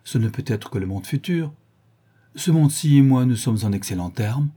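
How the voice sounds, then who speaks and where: A man's voice: medium pitch, expressive, moderate pace, dark tone, husky, pitched above the performer's own voice. A man voicing a cynical witty aristocrat. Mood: wry. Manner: languid paradoxical quips.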